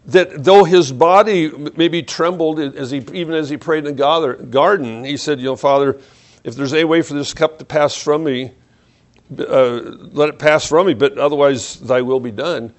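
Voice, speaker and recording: Man preaching a reflective sermon. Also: normal speed. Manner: reflective, varies pace and loudness, drops low on key points. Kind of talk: sermon with scripture reading.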